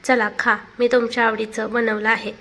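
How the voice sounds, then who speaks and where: A woman voicing a patient, loving young wife who coaxes her husband gently. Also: fairly high pitch, flat delivery, normal speed. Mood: coaxing. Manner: gentle, coaxing.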